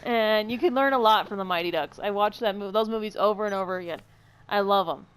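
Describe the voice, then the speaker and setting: A woman's voice: mid-range voice, quick pace, clean tone. A woman co-hosting a casual podcast, chatty and rambling, with frequent fillers. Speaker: podcast co-host.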